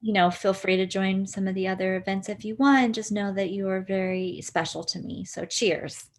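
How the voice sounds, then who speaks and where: A woman author giving a warm, hesitant thank-you toast on a video call, with many pauses. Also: medium pitch, steady tone.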